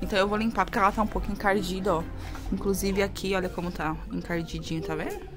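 A woman's voice: mid-range voice, fairly even intonation, fast. A Brazilian woman filming a casual home vlog in her bedroom, chatting animatedly and exclaiming to her little ones as she cleans. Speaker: vlogger and mother. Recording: loud music over the voice. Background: loud background music.

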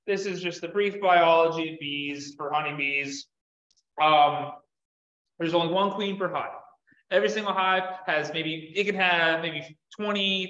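A man's voice: high-pitched, bright, forceful tone, dull audio. A young man giving a casual beekeeping talk to a group, chatting loosely with many fillers and restarts. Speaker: beekeeping presenter. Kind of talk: casual slide-show talk. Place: meeting room, indoors. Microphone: far camera. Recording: echoey room from far off.

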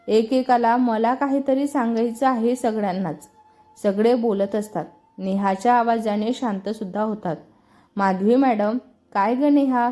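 Mellow-voiced woman narrating a story. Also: fairly high pitch. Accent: Marathi. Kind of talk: scripted story narration voicing all characters.

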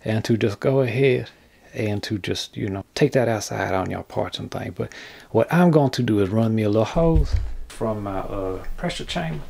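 Folksy man with gravelly voice. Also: on the low side, normal speed, a little mellow. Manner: rambling, folksy, jokey talk to viewers. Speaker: craft channel host. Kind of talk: casual workshop vlog. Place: indoor workshop.

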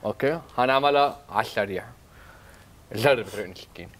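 A man's voice: fairly low pitch, quick pace, noisy background, close to an everyday voice. A man with a Lebanese accent acting a boastful, bumbling self-defense coach in a comedy sketch, tossing English words into his speech. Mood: cocky.

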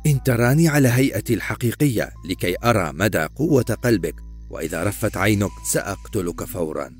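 Sly old male demon, hissing and quiet, low and mocking, voiced by a man. Menacing storybook villain. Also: expressive, a little fast, breathy edge, faint music behind. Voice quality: hissing, whispery.

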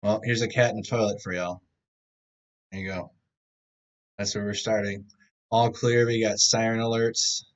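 A man's voice: fairly low pitch, little pitch movement, moderate pace, long pauses. A man hosting a casual news rundown from a hotel room through a laptop mic that makes him sound tinny, stumbling over words as he reads headlines. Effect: tinny, tin-can sounding laptop mic. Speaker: live-stream news host. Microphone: laptop microphone.

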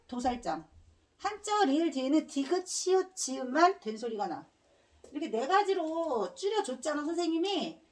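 A woman's voice: high-pitched, recorded from a distance. A woman teaching a Korean grammar lesson, drilling students with repeated questions and slipping in casual slang. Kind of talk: classroom lecture.

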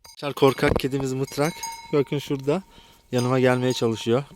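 A man's voice: mid-range voice, level tone, fairly quick, noisy background. A man from Turkey talking casually to viewers while herding animals outdoors, chatty, often calling out to his animals. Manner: chatty, exclaims and scolds animals. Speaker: village vlogger. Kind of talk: casual vlog talk to viewers. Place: outdoors in a village pasture.

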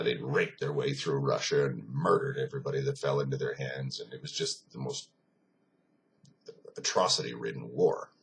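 A man's voice: extremely low pitch, vocal fry. A man giving an informal philosophy talk, telling a story with emphasis, many fillers and a rambling flow.

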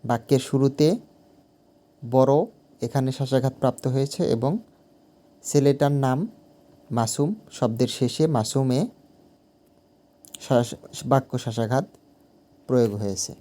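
Male teacher, unhurried and mellow, working through an exam answer step by step and restating his phrases. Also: medium pitch. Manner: slow, deliberate, repeats phrases to correct himself.

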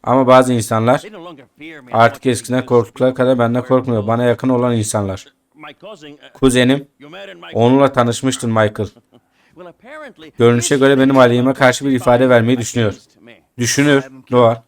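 A menacing middle-aged crime boss, as a man reads his game lines aloud. The delivery stays low, quiet and flat, with a steady middle pitch for a man. It sounds more like a subtitle read-through than full acting. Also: moderate pace, long pauses, close to an everyday voice.

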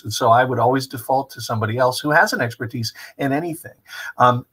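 A man in his fifties with a husky voice gives an informal online lecture in a rambling, reflective, professorial way. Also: mid-range voice, pushed and bright, low-quality recording. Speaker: theater director giving a talk. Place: small room with brick wall and window, indoors.

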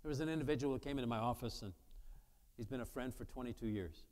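A man's voice: mid-range voice, fast talker, long reverb tail. A man preaching a conversational sermon as pastor, telling stories and acting out both sides of conversations. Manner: animated storyteller, voices both sides of conversations. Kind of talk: conversational sermon with acted-out dialogue. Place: church sanctuary.

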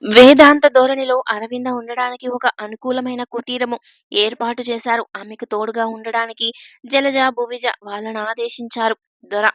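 A woman storyteller reads a serialized story aloud. Her reading is steady, with emphatic lift on exclamations. Her voice sits high and the recording is dry and close. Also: normal speed, dry recording. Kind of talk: storybook narration.

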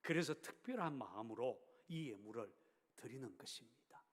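A man voicing a poor grieving village mother who stays calm, in a quiet, plain-spoken retelling. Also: medium pitch, moderate pace, slightly rough, pitched below the performer's own voice. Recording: long reverb of a church hall.

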